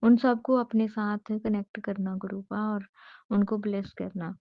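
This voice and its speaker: A woman's voice: medium pitch, steady tone, unhurried, vocal fry, no echo, highs cut off. Earnest woman giving devotional testimony. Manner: earnest, grateful, repeats thanks. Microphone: phone voice recording.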